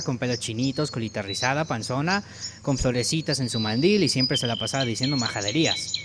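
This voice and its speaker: A man's voice: mid-range voice, a little hiss or hum. A man with a Mexican accent casually improvising a children's story as he draws, joking and correcting himself as he goes. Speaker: narrator. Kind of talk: improvised storytelling while drawing.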